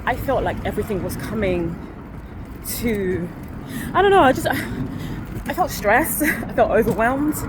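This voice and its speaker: With a mid-range voice, a woman vlogger rambles openly to her phone as she strolls along a city street, correcting herself and laughing a little. She holds the phone up to her face, so the outdoor recording picks up passing traffic and street sounds.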